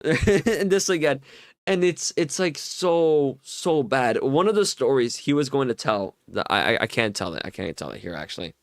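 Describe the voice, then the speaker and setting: A man's voice: medium pitch, lively intonation, moderate pace, few pauses, no echo, studio quality. A young man streaming a Minecraft game, casually telling a long story, full of fillers and laughing exasperation. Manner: rambling, filler-heavy, exasperated laughing retelling. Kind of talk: casual storytelling while gaming.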